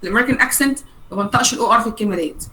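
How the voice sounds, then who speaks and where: A woman with an Egyptian Arabic accent teaching English vocabulary in a classroom lecture. She spells out English slowly, explains in quick Arabic asides and keeps checking with the class. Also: on the high side, sharp tone, low-quality recording. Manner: switches between Arabic and English, slow dictated English and rapid Arabic asides; checks on the class with frequent "okay?" and "right?".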